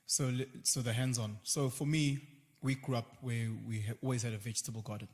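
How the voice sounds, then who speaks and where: A South African man talking in a casual conversation as a guest, animated and slipping into quoted voices now and then. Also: medium pitch, fairly quick, long reverb tail.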